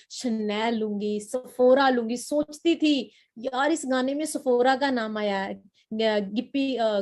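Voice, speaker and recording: A young woman from Punjab giving a lively, repetitive training talk to a sales team as its trainer. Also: sits high. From Punjab, India. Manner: coaching, repetitive, lively storytelling. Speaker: network marketing trainer.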